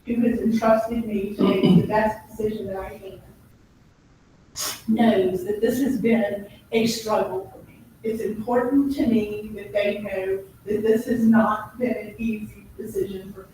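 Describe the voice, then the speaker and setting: Emotional board member, distant and echoey. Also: female voice, medium pitch, darkish tone, slight background noise. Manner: emotional, searching, conflicted. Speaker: elected school board member and parent. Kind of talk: heartfelt statement at a public meeting. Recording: echoey room from a distant mic.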